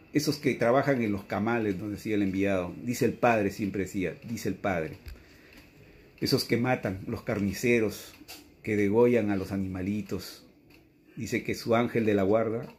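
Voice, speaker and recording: A man's voice: on the low side, moderate pace, pauses often, darkish tone, slight background noise. A man, giving an earnest, repetitive spiritual teaching and often quoting a messenger. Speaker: religious teacher.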